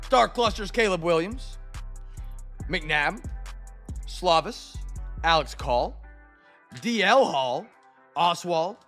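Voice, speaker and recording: A man hosting a live trading card break, rattling off player names with excited bursts. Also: sits high, takes it slowly, pauses often, soft background music.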